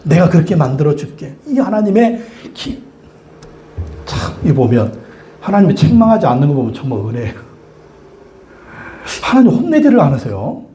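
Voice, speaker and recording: A man's voice: fairly high pitch, wildly swooping pitch, normal speed, long pauses, dark tone, reverberant, slight background noise. A man preaching a sermon as pastor, who asks the congregation questions, answers them himself and repeats key phrases for emphasis.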